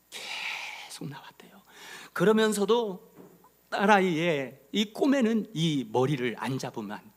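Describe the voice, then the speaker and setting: A male pastor preaching a sermon, telling a story with sudden drops to a whisper and loud emphatic peaks. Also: on the high side, breathy edge. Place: church sanctuary.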